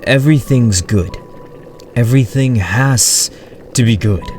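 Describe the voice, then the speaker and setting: Dad figure, loud and over-reassuring ; a man reading him, storybook voice. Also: fairly low pitch, a little slow, close to an everyday voice. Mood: forced cheer. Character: middle-aged father, forced cheerfulness. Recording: distant mic with soft music.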